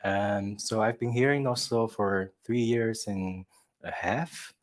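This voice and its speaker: A man's voice: on the low side, slow. A man in his thirties from Taiwan, a visual artist speaking casually on a panel, hesitant with many fillers and restarts. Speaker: visual artist, collective member.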